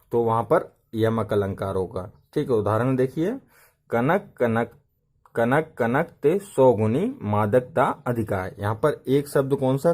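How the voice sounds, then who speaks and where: Man teaching, rising "ठीक है" checks. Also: a little mellow. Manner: repeats "ठीक है" with a rising pitch to check the class is following. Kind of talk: exam-prep grammar lesson.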